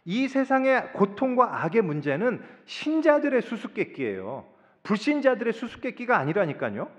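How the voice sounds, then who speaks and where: A man's voice: sits high, big pitch swings, normal speed. A man preaching a sermon who puts rhetorical questions straight to the congregation and presses his points hard. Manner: emphatic, rhetorical questions, talks directly to the congregation. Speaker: pastor. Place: church sanctuary. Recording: echoey church hall, slightly dull sound.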